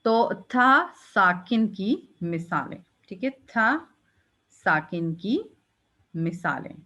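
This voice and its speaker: A woman teaching Quranic recitation rules, explaining patiently and demonstrating each letter with a drawn-out, breathy release. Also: medium pitch, very animated, pushed and bright. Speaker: tajweed teacher. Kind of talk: step-by-step recitation lesson.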